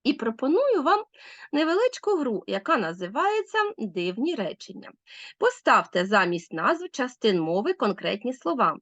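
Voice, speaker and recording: A woman's voice: on the high side, sing-song, normal speed, a bit bright, no echo. A woman teacher giving a recorded grammar lesson, asking leading questions and answering them herself.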